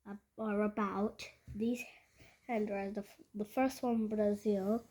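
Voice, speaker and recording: A woman giving casual vlog commentary in a halting, repetitive way, often restating her phrases. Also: mid-range voice, steady tone, dark tone. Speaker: video narrator.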